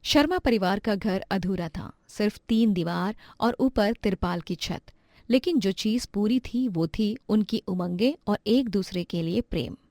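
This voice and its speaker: A woman narrating a moral story in a gentle storybook manner. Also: mid-range voice, unhurried, no echo, clean studio sound. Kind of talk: scripted narration.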